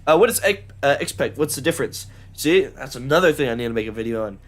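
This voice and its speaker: A young adult man streaming a video game, talking in an excitable, rambling way with many fillers and restarts as he plays. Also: mid-range voice, fast talker. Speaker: gaming streamer. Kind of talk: live gameplay commentary.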